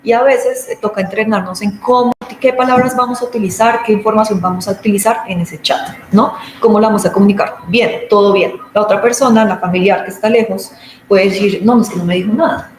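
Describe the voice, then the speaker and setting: Speaking a little fast with fairly even intonation, a woman at an ordinary middle pitch gives an informal talk on patient communication. She explains things patiently and performs little everyday examples, while the room's noticeable echo and faint ambient hum surround her.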